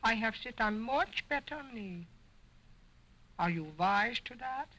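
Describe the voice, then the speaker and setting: A fresh-mouthed wooden dummy boy talks back in a squeaky, sing-song puppet voice. Its pitch leaps all over the place, its tone is bright and piercing, and its sassy wisecracks come out slow and drawn. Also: expressive, full character voice, poor audio. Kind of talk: 1920s film acting.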